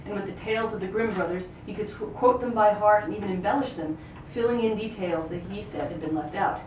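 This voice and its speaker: In a spacious venue with noisy ambience, an actor reads a book excerpt aloud a little fast in her mid-range voice. Her third-person narration is expressive, with occasional stumbles, and the mic sits far away.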